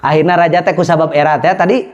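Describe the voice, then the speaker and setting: A man preaching a lively storytelling sermon, animated and joking with the audience. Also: on the high side, quick pace, lo-fi sound. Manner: animated, mixes in regional phrases, jokes with the audience.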